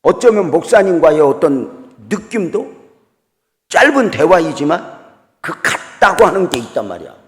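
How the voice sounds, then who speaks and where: A middle-aged man preaching a revival sermon as a guest pastor, swinging between loud exclamations and quiet storytelling and putting questions to the congregation. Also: a little high, very animated, moderate pace. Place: church sanctuary. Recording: church hall reverb.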